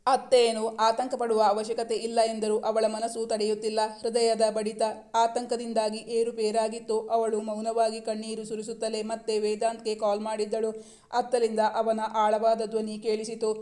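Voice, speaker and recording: A woman reading a romantic novel aloud as a storyteller, in a steady, even manner. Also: fairly high pitch, moderate pace.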